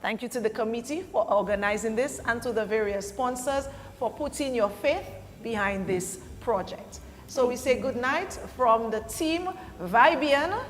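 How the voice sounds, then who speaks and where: A woman hosting a live pageant interview and addressing viewers. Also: fairly high pitch. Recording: reverberant hall, faint background noise.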